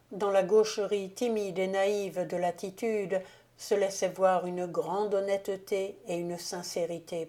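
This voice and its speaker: A woman reading a classic novel aloud in a measured, calm way. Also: mid-range voice. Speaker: audiobook reader. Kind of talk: audiobook narration of a classic novel.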